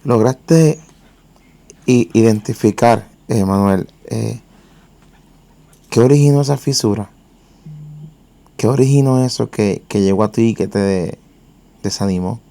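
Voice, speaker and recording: A man hosting a faith interview, asking calm questions and giving short affirmations. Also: on the low side, unhurried, gravelly, pauses often. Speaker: interview host.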